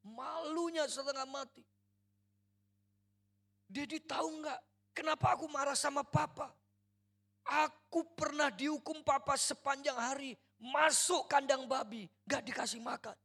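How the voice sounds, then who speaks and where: Man putting on a high young woman's voice, gravelly, husky, anguished and loud. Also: measured pace, long pauses, exaggerated voice. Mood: anguished, shouting. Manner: pleading and bursting out in anger. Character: hurt, furious young woman, an adopted daughter.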